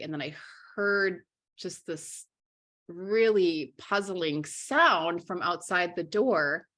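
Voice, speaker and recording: A young woman from Minnesota speaks low in her range and candidly in a conversational interview. She restarts her sentences and fills pauses with "um" and "you know.". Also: fairly bright tone. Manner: frank and candid, restarts sentences, many fillers. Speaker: interview guest, writer and journalist.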